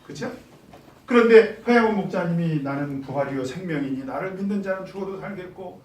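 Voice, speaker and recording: A man's voice: sits high, expressive, a little fast. Pastor guy teaching bible study, keeps asking the group stuff then answering it, kinda far off the mic, echoey room with faint background hum. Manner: asks the group questions and answers them himself, acts out quoted speech. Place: church room.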